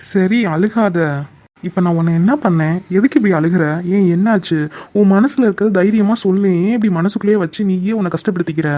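A man's voice: high-pitched, brisk, warm tone. A man voicing a young cartoon lover who keeps pressing the girl he loves for an answer, insistent and coaxing, with music faintly behind. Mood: pleading. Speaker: cartoon character. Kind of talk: cartoon voice acting.

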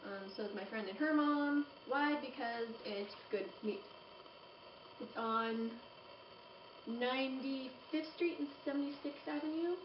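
A woman's voice: high-pitched, a little slow. Young woman, home cooking vlog, chatty and playful, kitchen echo, dull lo-fi sound. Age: young adult. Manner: chatty, self-narrating while working, playful asides. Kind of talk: casual cooking demonstration. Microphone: camera across the room. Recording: roomy, distant, dull home video audio with background hiss.

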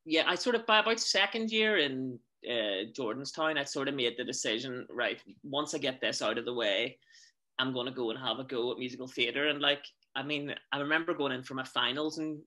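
Over a webcam on a video call, a Northern Irish man in his thirties chats from a small room at home as an interview guest. This stage actor and singer has a brisk, sharp, mid-range voice and tells his stories casually, with plenty of fillers.

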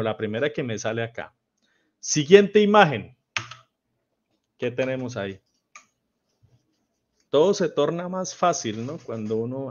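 A man's voice: mid-range voice, dull audio. A man with a Colombian accent teaching a live online dog grooming class, quizzing viewers and reading out their answers. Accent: Colombian Spanish.

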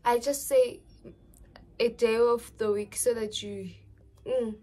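A young South African woman talks straight to her camera from a small bedroom, chatty and loose. Her speech slips back and forth between English and Zulu, with a South African accent and lively, expressive delivery. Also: a little high, slow, slight background noise. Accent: South African, mixing in Zulu. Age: young adult. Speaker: vlogger. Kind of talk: casual chat to camera.

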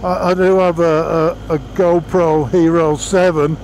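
High-voiced man speaking inside a helmet. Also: little pitch movement, measured pace, a little mellow, a little hiss or hum, rough recording. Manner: frank, plainspoken verdicts. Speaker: product reviewer. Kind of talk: casual product review. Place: outdoors by a motorcycle.

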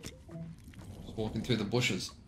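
A man's voice: lowish voice, steady tone, a little slow, crowd noise. Joking Australian man streaming a game. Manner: joking, chatty. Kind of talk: casual gaming chat. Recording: noisy stream audio.

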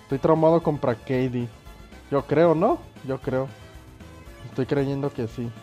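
A young man with a Mexican accent giving let's play commentary on a game. He is excitable, swears a lot and yells at the screen. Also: mid-range voice, unhurried. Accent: Mexican Spanish. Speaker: gaming YouTuber. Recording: dull lo-fi sound with faint game music.

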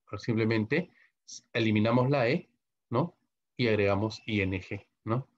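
A man's voice: lowish voice, lo-fi sound. A man with a Peruvian Spanish accent teaching English grammar in Spanish. He tags nearly every phrase with "¿ok?" or "¿no?", spells letters out and translates each example. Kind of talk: online grammar lecture in Spanish.

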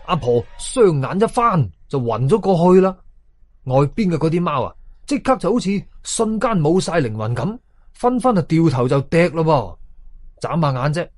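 A man with a Hong Kong Cantonese accent tells a horror story in a fairly high-pitched voice, with no echo in the recording. His telling is scripted and dramatic, colloquial and full of suspense.

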